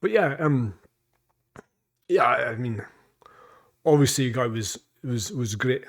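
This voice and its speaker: In an unhurried, animated voice of medium pitch, a man from Scotland gives casual reaction commentary as a vlogger. He rambles and repeats himself, restarting often and peppering his talk with fillers and swearing.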